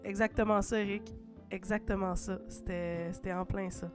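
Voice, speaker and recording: A livestream host with a Québécois French accent chats over music while congested with a cold. Her medium-pitched voice stays steady at a normal speed, sprinkled with "euh" fillers and playful asides.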